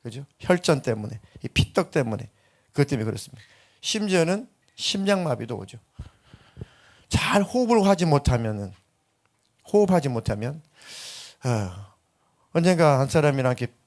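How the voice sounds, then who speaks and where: A middle-aged man preaching a sermon as pastor, telling stories and acting out voices. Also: mid-range voice. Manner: lively storytelling, acts out voices in anecdotes.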